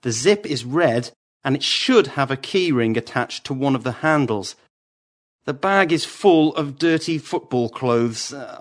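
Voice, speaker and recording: In this scripted listening-test recording, a man plays a polite, apologetic caller leaving a voicemail about a lost bag. He speaks in an unhurried, drawn-out way with a slightly high voice, pausing and hesitating. It sounds like a message left after the tone.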